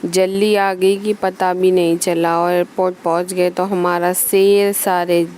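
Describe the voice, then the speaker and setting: A young woman tells a family trip as a casual vlog voice-over. She speaks unhurriedly in a level, narrow pitch, with fond storytelling. A faint background hiss sits under her voice. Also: little pitch movement, a little slow, a little mellow. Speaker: family vlogger.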